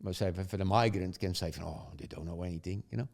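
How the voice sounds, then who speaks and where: An older Dutch man, a guest with a Dutch accent, tells stories in casual chat, chuckling often and rambling with tag questions. He speaks fast in a low, creaky voice with a darkish tone.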